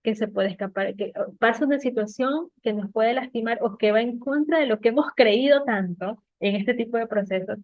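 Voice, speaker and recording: Woman telling her faith story, kinda emotional and stop-start, higher voice, thin phone-line sound. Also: no echo. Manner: emotional, halting, with soft laughs and tearful moments. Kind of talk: personal testimony.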